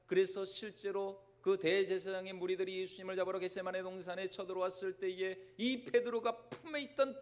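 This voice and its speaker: A male senior pastor preaching a sermon in a church sanctuary, quizzing the congregation as he goes. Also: sits high. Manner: lively, asks the congregation questions.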